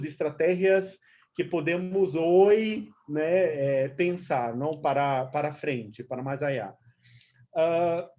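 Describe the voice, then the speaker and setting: On a dull, lo-fi online call, a Brazilian activist with a lowish, dark voice gives an informal seminar talk on behalf of a movement. A native Portuguese speaker, she mixes in Spanish and searches for words as she goes.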